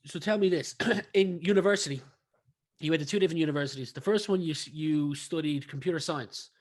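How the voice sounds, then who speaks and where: A man's voice: on the high side, fairly quick. A man hosting a podcast interview, chatty and friendly. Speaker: podcast host. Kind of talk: casual interview.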